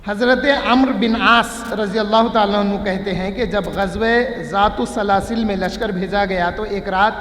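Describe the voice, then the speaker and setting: High-voiced man lecturing in an echoing mosque. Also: steady tone, few pauses, a bit bright, slight background noise. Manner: explanatory, gives everyday examples. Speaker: religious scholar. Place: large mosque hall. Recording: echoey hall with long reverb.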